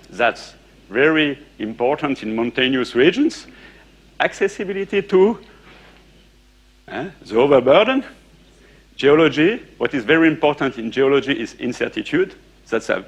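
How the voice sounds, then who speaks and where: A male conference presenter, French by first language, lectures in English with frequent hesitations and sentence restarts, sprinkled heavily with "uh" and "eh," and occasionally quizzes the audience. His mid-range voice has a fairly bright, slightly rough tone.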